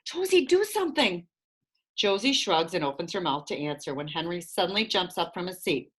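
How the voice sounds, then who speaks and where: A woman narrating a children's storybook in an expressive, lively reading voice. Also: on the low side, fairly quick.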